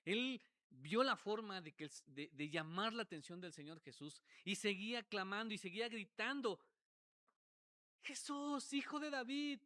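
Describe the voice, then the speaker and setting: Male pastor, earnest sermon, slow measured delivery, higher voice. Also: clear, resonant tone, no room sound, studio quality. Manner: earnest preaching, swings from loud cries to hushed low asides; repeats words and restarts phrases.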